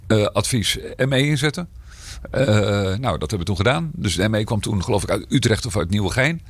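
A man's voice: on the low side, animated, a little fast, husky. A man serving as mayor, talking in a podcast interview with a slight cold, hesitant and full of fillers and restarts. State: slight cold, rough throat.

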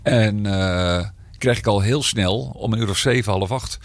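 Low-voiced mayor with a slight cold. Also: male voice, unhurried, no echo. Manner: hesitant, many fillers and restarts. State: slight cold, rough throat. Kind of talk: podcast interview.

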